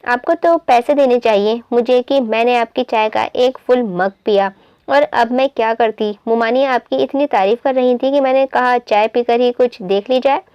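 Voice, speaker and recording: A woman voicing a sharp-tongued young woman about to be married, teasing and whiny. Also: fairly high pitch, normal speed, smooth, no room sound, highs cut off, lightly acted. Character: cheeky young bride-to-be, teasing and dramatic.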